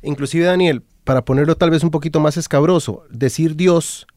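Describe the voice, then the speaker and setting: A man hosting a religious talk program, asking his guest measured questions. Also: a little high, darkish tone, no room sound. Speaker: program host.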